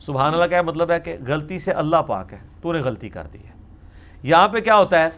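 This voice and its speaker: A man's voice: on the high side, animated, a bit bright. A man with a Pakistani Urdu accent, a scholar answering questions in a religious lecture recorded in a studio, explaining points emphatically with wry asides and English words mixed in.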